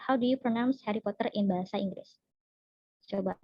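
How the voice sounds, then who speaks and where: A woman's voice: medium pitch, a little fast, dry recording. Friendly Indonesian woman English teacher. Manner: friendly, mixes English with Indonesian, laughs often. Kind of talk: online class teaching. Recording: dull, dry lo-fi sound.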